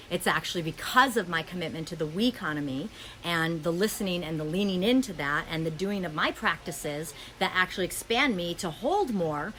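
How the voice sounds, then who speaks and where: A woman hosting a podcast, speaking fast in a flowing spiritual monologue with many ums and restarts, recorded in a friend's home. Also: fairly low pitch, a bit bright, a little hiss or hum, rough recording. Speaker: podcast host.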